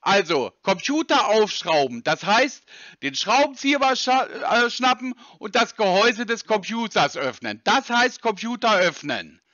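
Man doing a confused caller, high lively voice, bright tone, dry dull phone sound. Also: moderate pace, dry recording, heavily acted. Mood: stubbornly puzzled. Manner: feigns confusion, stubborn repeated questions. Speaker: scam-baiting caller. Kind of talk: prank call, playing dumb.

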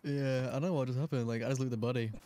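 A man's voice: mid-range voice, steady tone, very fast, background noise. A man chatting casually and slangily with his teammate during a shooter game. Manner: laid-back, slangy banter. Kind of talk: casual gameplay chat.

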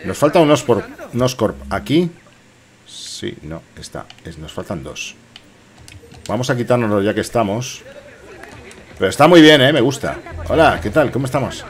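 A game streamer in his fifties with a Spanish accent from Spain gives casual, jokey gameplay commentary over game music, muttering to himself and echoing the game's lines. His voice is medium-pitched and sing-song, at normal speed with frequent pauses.

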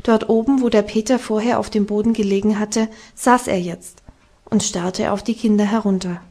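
A woman narrating a classic children's novel as an audiobook, with calm, even storytelling. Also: mid-range voice, moderate pace. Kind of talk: scripted narration.

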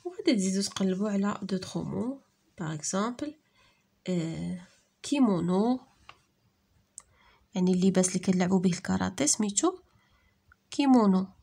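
Moroccan female schoolteacher, breathy tone, slow double-read drills for kids. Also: mid-range voice, animated, a little mellow. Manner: reads each phrase twice, slowly and clearly, then explains in Darija. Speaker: primary school teacher. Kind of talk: recorded French lesson for young pupils.

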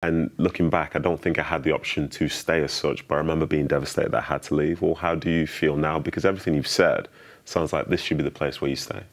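A man's voice: very deep voice, steady tone, fast. A man, conducting a conversational sit-down interview. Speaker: interviewer and former player. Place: indoor studio on a sofa.

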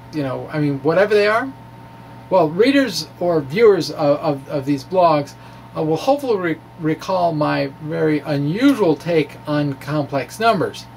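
A middle-aged man with a higher-register voice, a science video blogger, reads his own blog aloud theatrically and emphatically, tossing in ad-libbed asides. He sits in a small indoor room with a bookshelf, a microphone on a stand in front of him. The home recording is slightly noisy.

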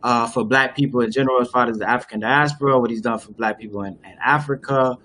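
Talking fast in a mid-range, steady voice that sounds pushed and bright, the young host explains things at length on a live video call. He uses many fillers and restarts, his webcam mic catches slight background noise, and the discussion is casual.

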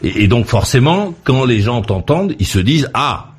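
A man's voice: mid-range voice, very animated, moderate pace, darkish tone, slight background noise. A man hosting a late-night call-in radio show, chatting in a rambling, stammering way with chuckling asides. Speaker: radio host. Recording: radio studio mic.

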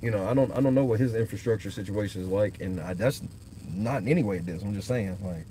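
The audio is poor, with slight background noise, as a man in his thirties livestreams from his parked car at night through a dashboard phone. His fairly low, dark voice moves fast through loose, profane, rambling chat.

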